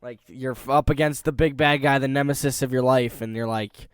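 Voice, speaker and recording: A man co-hosting a casual movie review podcast, talking in a rambling, animated way with lots of fillers, close to the mic. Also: mid-range voice, fairly quick, smooth, no room sound. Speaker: podcast co-host.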